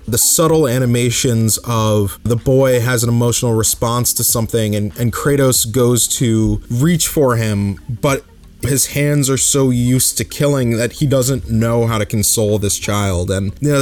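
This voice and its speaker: A man's voice: fairly low pitch, darkish tone. A man hosting a solo podcast, giving a casual review in a reflective, conversational way, as if thinking aloud. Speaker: podcast host.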